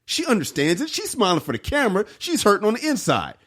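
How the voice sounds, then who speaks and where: A man's voice: sits high, wildly swooping pitch, fast talker, fairly bright tone, slightly rough. A man co-hosting a podcast, ranting in a heated, profane way with his voice climbing. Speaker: podcast co-host. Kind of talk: casual podcast chat.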